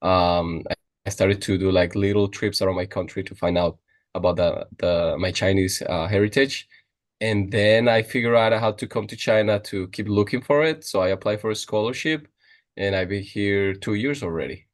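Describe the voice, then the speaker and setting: A man's voice: lowish voice, normal speed. A young man, a podcast guest in casual chat, restarting often and using many fillers. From Costa Rica. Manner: restarting, filler-heavy, lively.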